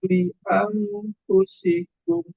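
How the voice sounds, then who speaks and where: A male student reciting over a tinny, phone-like call line. His voice is quite high for a man, and he speaks very slowly and carefully. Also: very animated, gravelly. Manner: slow, careful, repeats after corrections. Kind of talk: reciting in an online class. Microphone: video call.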